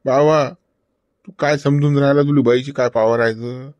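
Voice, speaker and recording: A man's voice: medium pitch, steady tone, normal speed, darkish tone, no echo, highs cut off. A man in comic village banter, blustering and dismissive.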